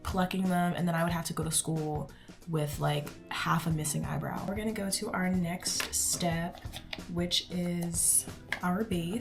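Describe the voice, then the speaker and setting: A woman in her twenties from Houston, chatting casually and rambling as she does her makeup for a beauty vlog. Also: lowish voice. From Houston, Texas. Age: 20s. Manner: chatty, rambling, says "like" often. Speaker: beauty vlogger. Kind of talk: casual chat while doing makeup.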